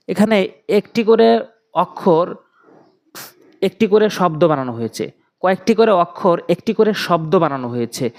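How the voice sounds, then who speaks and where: A man's voice: a little high, darkish tone. A man teaching Quran letter pronunciation step by step, patiently repeating each sound and drawing the vowels out.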